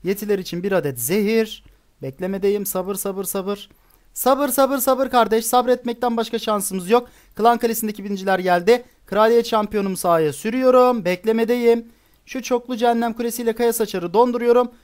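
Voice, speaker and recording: A man's voice: high voice, fairly quick. A man giving chatty commentary on his own strategy game attack, now and then bursting out in exasperation. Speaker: gaming YouTuber.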